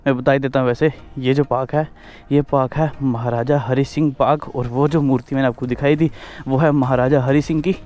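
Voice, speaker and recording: A man's voice: mid-range voice, steady tone, a little fast, darkish tone, dull audio. A man vlogging casually outdoors in a park, teasing and laughing often. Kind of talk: casual vlog chat. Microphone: action camera.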